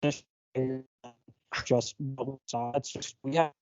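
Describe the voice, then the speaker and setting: A man's voice: mid-range voice, little pitch movement, extremely slow, darkish tone, no echo. A man in casual sports chat whose voice comes through a choppy internet connection that keeps cutting out. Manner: blunt, heated, swears freely. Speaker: podcast co-host. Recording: muffled lo-fi online call audio.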